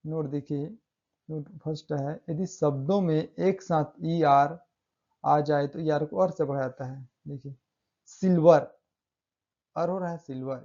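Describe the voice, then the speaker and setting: A man's voice: fairly high pitch, warm tone. Man teaching pronunciation, lo-fi. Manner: repeats example words slowly, with emphatic stresses. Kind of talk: classroom-style explanation.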